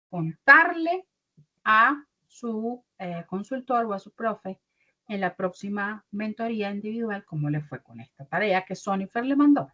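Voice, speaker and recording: Animated woman mentor, lo-fi. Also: medium pitch. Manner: animated, acts out little dialogues. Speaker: career mentor. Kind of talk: online mentoring talk. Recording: dull lo-fi audio.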